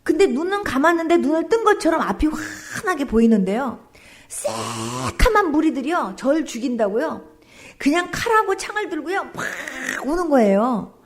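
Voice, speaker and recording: A woman's voice: high-pitched, sing-song, normal speed. A woman pastor giving an emotional testimony sermon, telling her story with exclamations and dropping at times to a whisper.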